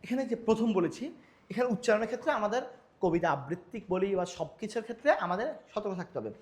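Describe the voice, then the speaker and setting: A man's voice: high-pitched, expressive, fast. A male Bangla teacher lecturing on pronunciation rules, asking questions and answering them himself while repeating example words.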